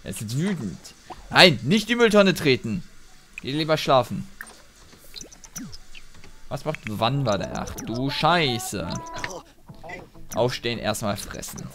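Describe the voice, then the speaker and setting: Animated man commenting on a game. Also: medium pitch, slow, long pauses. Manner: animated, talks to his game characters. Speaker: let's play host. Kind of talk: casual gameplay commentary. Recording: game music playing behind.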